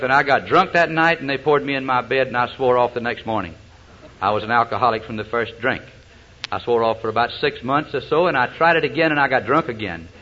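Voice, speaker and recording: A man's voice: medium pitch, bright, forceful tone. A man, speaking from a platform at a recovery meeting, telling his story in a folksy way with a lot of hesitations. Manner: folksy storyteller, frequent uh's. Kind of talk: personal testimony talk with jokes. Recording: dull lo-fi recording.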